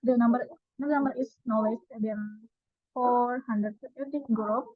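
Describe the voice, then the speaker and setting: A young woman with an Indonesian accent giving an online class presentation in halting English with many pauses and restarts. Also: on the high side, fairly even intonation, no room sound. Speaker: student presenter. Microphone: video call. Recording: tinny dry video call audio.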